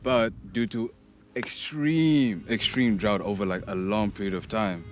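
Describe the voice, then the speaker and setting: A man's voice: lowish voice, measured pace, faint music behind. A man working as a local guide, casually explaining things on location.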